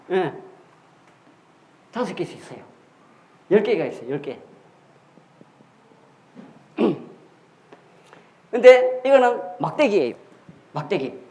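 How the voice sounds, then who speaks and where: A man's voice: high-pitched, darkish tone. A man giving a classroom lecture on history and characters, explaining step by step with rhetorical questions and repeated key words. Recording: echoey room.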